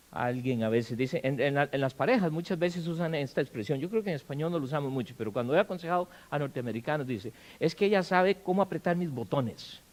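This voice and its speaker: Animated man preaching a sermon. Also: fairly high pitch, poor audio. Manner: animated, asks the congregation questions, acts out quarrels in loud bursts. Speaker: pastor. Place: church. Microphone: handheld or stand mic.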